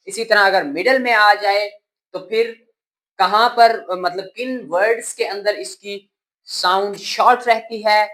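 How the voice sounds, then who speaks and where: Slow-speaking male teacher drilling words. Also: high voice. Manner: repeats each word three times, loud and emphatic on drill words. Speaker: English teacher. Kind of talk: spoken English lesson with repetition drills.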